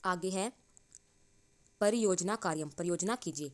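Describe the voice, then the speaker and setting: A woman teaching a grammar lesson, asking questions and answering them herself, drawing out each syllable as she reads it. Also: lowish voice. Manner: slow, drawn-out reading of syllables. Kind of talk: Sanskrit grammar lesson explained in Hindi.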